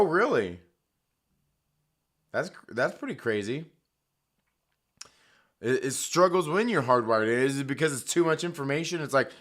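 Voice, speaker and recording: Reading chat aloud and joking, a live-stream host talks profanely and casually despite a hoarse voice. It sits at medium pitch with a fairly bright tone.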